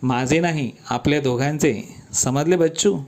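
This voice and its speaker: A bright, teasing young woman in love, as a male storyteller puts her on in a raised voice. She sounds pampered and cheerful and talks with affection. Her voice sits a bit high and carries strongly. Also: a little slow. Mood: playful, affectionate.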